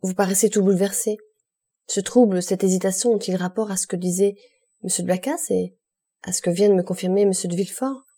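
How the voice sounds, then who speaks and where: A woman's voice: medium pitch, steady tone, fairly quick, dark tone, husky. A woman voicing an angry, commanding old male king in an audiobook. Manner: commanding, indignant.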